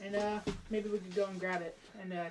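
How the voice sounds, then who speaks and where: A woman co-hosting a casual podcast, chatty and enthusiastic, quick to tease her co-host. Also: mid-range voice, flat delivery, background noise.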